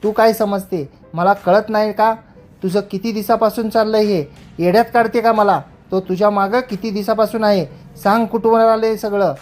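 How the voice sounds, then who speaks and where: A woman voicing a furious village mother who scolds her daughter in rough rustic speech. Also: mid-range voice, fairly even intonation, normal speed, faint music behind, close to an everyday voice. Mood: furious scolding. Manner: abusive rustic shouting.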